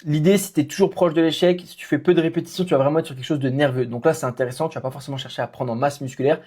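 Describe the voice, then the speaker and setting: A man's voice: a little high, steady tone, very fast, darkish tone. A man with a French accent, a running coach explaining training exercises to the viewer in a casual, informal way. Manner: informal, addresses the viewer directly, frequent fillers. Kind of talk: casual explanatory talk to camera.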